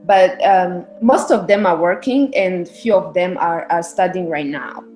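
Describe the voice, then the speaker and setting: Speaking in an unhurried, somewhat low and mellow voice, a young Rwandan research specialist answers podcast questions casually but earnestly, laying out her views at length. Soft background music plays, and the room sounds echoey.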